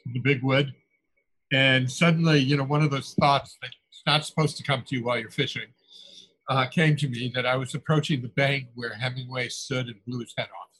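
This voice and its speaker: Older man musing with soft chuckles. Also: mid-range voice, rough recording. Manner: musing, chuckles often, trailing fillers. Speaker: author guest. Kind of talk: reflective interview storytelling.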